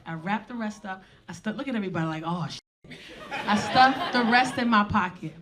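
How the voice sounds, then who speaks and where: A woman in her forties doing stand-up, telling a story in a brash, profane, animated way on a comedy club stage. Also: mid-range voice, brisk, background noise. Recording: live audience laughter.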